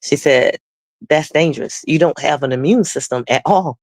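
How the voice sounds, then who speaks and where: A woman's voice: sits low, normal speed, darkish tone, no echo. A woman guest telling her personal testimony conversationally, acting out the dialogue she quotes.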